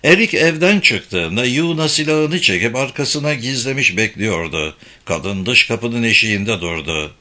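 A man narrating a novel as an audiobook with expressive, animated reading. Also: mid-range voice, measured pace, few pauses. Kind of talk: scripted narration.

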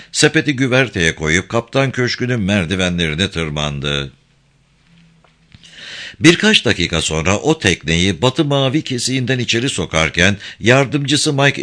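A man narrating an adventure audiobook in an expressive storytelling manner. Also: lowish voice. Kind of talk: scripted narration.

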